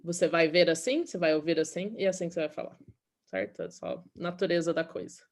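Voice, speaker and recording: A woman's voice: fairly low pitch, fairly even intonation, fast. A woman from Brazil teaching an English class in Portuguese, explaining patiently and often checking in with "okay?".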